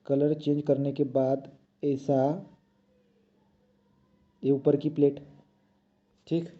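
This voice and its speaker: A man's voice: mid-range voice, completely flat delivery, slow. A man teaching a drawing lesson, talking as he draws and checking often with "right?". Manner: talks while drawing, many checks like "right?". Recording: dull lo-fi sound.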